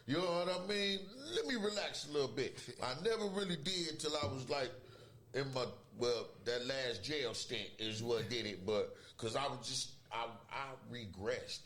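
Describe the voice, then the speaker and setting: A middle-aged man talks in a casual, streetwise way, telling stories with plenty of slang and swearing. His pitch is average, and there is faint noise behind him. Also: a bit bright. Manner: streetwise, slangy, profane talk. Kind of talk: casual chat, storytelling. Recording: background noise.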